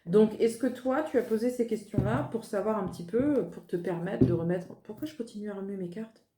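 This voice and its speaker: A woman's voice: mid-range voice, fairly quick, warm tone. Chatty woman reading cards, roomy echo. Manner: chatty, self-mocking, laughs at herself. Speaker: medium giving a card reading. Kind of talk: casual spoken card reading. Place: indoors at her desk.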